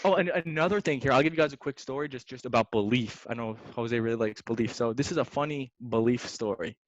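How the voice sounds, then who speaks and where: A young man, a real estate investor, telling stories in a casual podcast chat, slangy and lively, calling people "man" and "dude". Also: mid-range voice, fast, no room sound. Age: young adult. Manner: animated, slangy, says "man" and "dude" often. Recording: dry, slightly dull sound.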